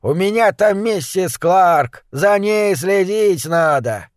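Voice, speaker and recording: A man voicing a feisty, sharp-tongued old midwife who scolds the crowd. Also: high-pitched, expressive, takes it slowly, no echo, studio quality, voice pushed up. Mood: grumbling. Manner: scolding, indignant hollering.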